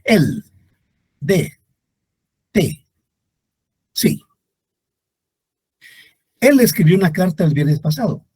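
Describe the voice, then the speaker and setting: A male teacher giving a classroom grammar lecture, reading out example words slowly and deliberately and speaking directly to his students. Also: sits high, sing-song, a little mellow, breathy edge, no echo.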